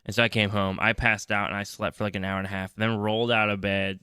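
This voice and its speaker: A man's voice: lowish voice, level tone, fast, pushed and bright, clear, resonant tone, no echo, clean studio sound. A man with a Northeastern US accent, hosting a casual gaming podcast with a groggy just-woken voice, joking and rambling and repeating himself. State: groggy morning voice. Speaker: podcast host. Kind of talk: casual chat.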